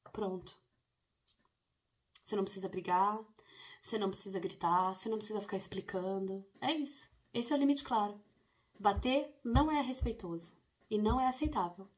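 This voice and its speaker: A woman's voice: medium pitch, fairly bright tone. A woman, hosting a parenting podcast in a casual explanatory way. She talks through everyday examples and repeats her key points. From Brazil.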